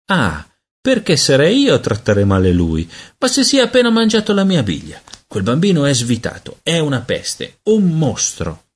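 A man's voice: on the low side, wildly swooping pitch, moderate pace, creaky, hardly any pauses, breathy edge, heavily acted. A man reading a storybook aloud and voicing an indignant, irritable young boy who complains and exclaims.

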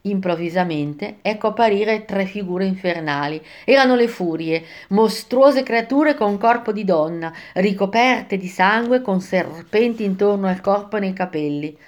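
Expressive woman storyteller. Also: mid-range voice, moderate pace, few pauses. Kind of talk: storybook narration.

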